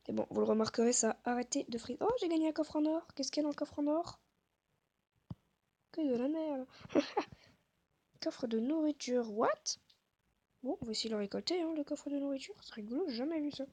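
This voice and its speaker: A woman giving casual gameplay commentary, talking softly to herself and the viewers with self-mocking asides. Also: high-pitched, brisk, long pauses. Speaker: gaming video creator.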